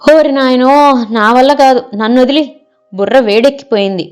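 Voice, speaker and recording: A woman's voice: sits high, moderate pace, darkish tone, clean tone, soft background music, voice pushed up, lightly acted. A woman reading a proud exasperated husband. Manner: eager, keeps offering gift ideas. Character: husband, a middle-aged man, proud and easily exasperated.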